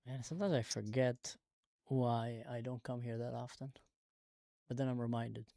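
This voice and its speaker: An Israeli-born man whose first language is Arabic hosts a live video-chat debate stream, calmly pressing strangers with pointed, sarcastic questions. His mid-range voice is creaky and paced normally, captured in a dry, clean studio recording.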